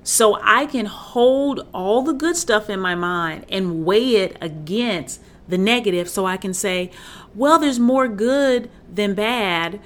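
A woman in her forties hosting a podcast, talking candidly and emphatically about her own healing, swearing freely. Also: medium pitch. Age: 40s. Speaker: podcast host and healing coach. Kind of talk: reflective solo podcast talk.

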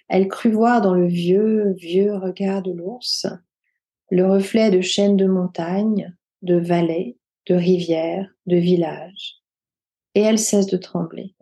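A woman retelling a folk tale for her podcast in a gentle, unhurried way, with small hesitations. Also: fairly low pitch. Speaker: podcast storyteller.

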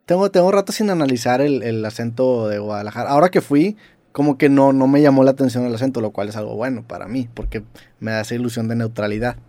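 A man's voice: mid-range voice, fast talker, warm tone, no room sound. A young man hosting a casual podcast chat, talking in a chatty way with many restarts. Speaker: podcast host. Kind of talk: casual conversation.

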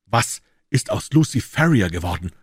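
A man voicing a grim, grief-stricken young male hunter in an audiobook, speaking in a low, intense, stern way. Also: very animated, moderate pace, breathy edge, no room sound, clean studio sound. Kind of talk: dramatic audiobook reading.

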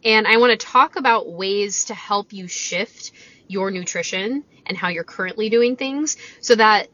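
A woman's voice: mid-range voice, a little slow, pushed and bright. A woman talking casually as a fitness coach and podcast host, explaining things conversationally and checking in with rhetorical questions, recorded inside a parked car. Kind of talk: casual solo podcast talk, coaching advice. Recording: slightly dull lo-fi car recording.

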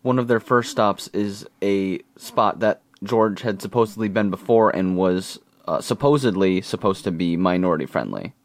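A man's voice: deep voice, moderate pace, hardly any pauses, no echo. Laid-back man co-hosting a podcast. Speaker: podcast co-host. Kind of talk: casual podcast chat.

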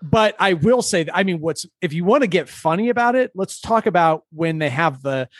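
A man's voice: high voice, expressive, brisk, no echo, studio quality. A man co-hosting a podcast in casual chat, rambling and restarting his sentences with laughs. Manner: rambling, self-interrupting, laughing. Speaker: podcast co-host.

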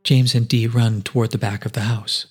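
A male narrator reads an adventure story in steady, dramatic scripted narration. His voice sits at a middle pitch, and a faint musical score plays quietly beneath him. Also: moderate pace, husky, soft background music.

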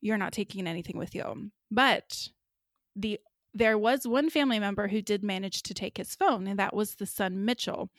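A woman's voice: medium pitch, normal speed, dry recording, clean studio sound. Chatty woman podcast host telling a story. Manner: chatty, laughing, enunciates carefully. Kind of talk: casual storytelling chat.

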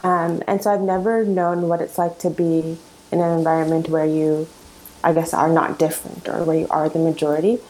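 Thoughtful low-voiced woman from Canada. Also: level tone, brisk, mellow, a little hiss or hum, low-quality recording. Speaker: panel participant. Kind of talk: reflective personal account.

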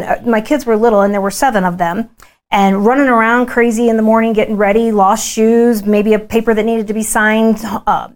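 A woman, candidly telling personal family stories in a conference talk. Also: on the high side.

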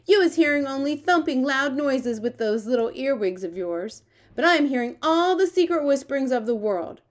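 A woman's voice: sits high, lively intonation, moderate pace, voice pushed up. A woman voicing a big-hearted male giant in a children's story, earnest and proud, full of wonder, with ungrammatical talk and quaint invented words. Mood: boastful wonder.

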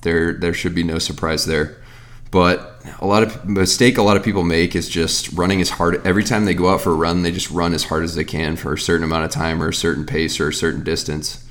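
A man's voice: sits low, fairly bright tone. A man in his thirties, a fitness coach and podcast host, giving casual, rambling Q&A advice with frequent restarts. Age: 30s.

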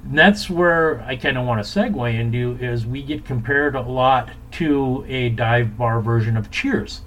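A man hosts a casual podcast chat in a medium-pitched voice. He talks like a bartender among friends. Clear background noise sits under the recording. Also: measured pace, fairly bright tone.

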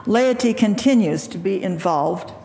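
Gravelly-voiced woman preaching in a church. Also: mid-range voice, animated, dark tone. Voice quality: gravelly, throaty morning voice. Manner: measured, earnest preaching with throat clearing. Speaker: lay speaker. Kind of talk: sermon. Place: church sanctuary. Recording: echoey hall reverb, faint ambience.

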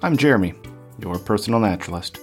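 A man working as a naturalist host, presenting educational wildlife material in a measured, explanatory nature documentary style. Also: fairly low pitch, animated, soft background music.

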